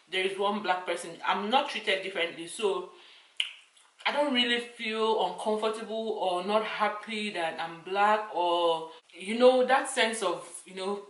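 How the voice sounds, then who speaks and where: Casting: young Nigerian-accented woman, bright forceful voice, casual Q&A vlog chat, roomy echo. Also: medium pitch, far from the mic. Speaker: vlogger. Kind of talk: casual chat to camera, answering questions.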